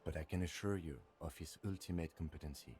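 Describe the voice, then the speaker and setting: An actor voicing a calm, formal male police lieutenant in a game, speaking in a measured, dry way. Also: very deep voice, a little hiss or hum.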